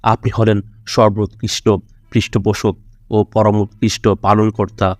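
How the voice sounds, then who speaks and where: A man reading a devotional audiobook aloud in a solemn, measured way, with prayerful appeals. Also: fairly low pitch, little pitch movement, dry recording, clean studio sound. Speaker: audiobook narrator. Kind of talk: scripted religious audiobook narration.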